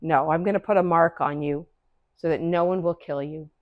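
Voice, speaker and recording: A woman voicing God as a solemn, stern male judge, speaking slowly and gravely to children. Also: low-pitched, steady tone, dull audio, close to an everyday voice.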